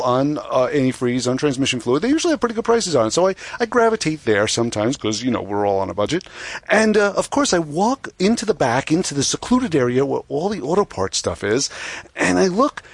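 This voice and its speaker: Animated male radio co-host, storytelling, slightly higher voice, dry close mic. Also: slightly rough, no echo. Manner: animated storyteller, laughs often. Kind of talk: casual car talk radio chat.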